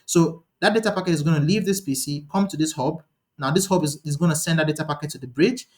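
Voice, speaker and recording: A man teaching a live online lecture, talking quickly and thinking aloud, often restarting his sentences. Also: fairly high pitch. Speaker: instructor.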